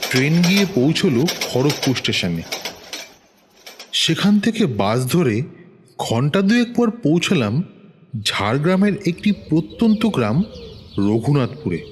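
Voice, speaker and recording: Telling a horror story as a boastful village tantric of middle age, this man speaks with a West Bengal accent, sounding grave and reminiscent and taking his time for dramatic effect. His voice is slightly high with big swings in pitch, over slight background noise.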